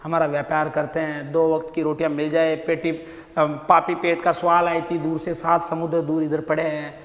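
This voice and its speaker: A man doing a soft-spoken, fawning English trader. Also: on the high side, completely flat delivery, normal speed, pitched below the performer's own voice, close to an everyday voice. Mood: pleading. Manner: soft, pleading, wheedling. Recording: echoey hall.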